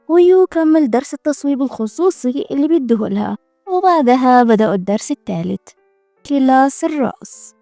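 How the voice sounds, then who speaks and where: Brief: Egyptian woman recapping a drama, rapid and chatty, slightly high voice, dry close sound. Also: warm tone, no echo. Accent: Egyptian Arabic. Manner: chatty, joking asides. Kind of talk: scripted narration.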